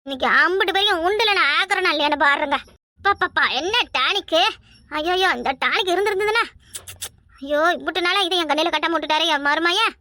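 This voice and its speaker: A boastful old mother-in-law who scolds and sings her way through a cartoon, voiced by a woman. Her voice sits very high and runs quickly, bright and piercing. It is recorded close and dry. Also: no echo. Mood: tipsy. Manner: shrill, scolding, sing-song. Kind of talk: cartoon voice acting.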